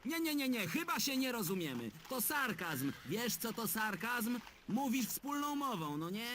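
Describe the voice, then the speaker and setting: A man's voice: very high-pitched, very animated, unhurried, fairly bright tone, slight background noise, exaggerated voice. An actor voicing a sarcastic, sulky talking male bird in a dubbed adventure game. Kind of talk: game dub voice acting.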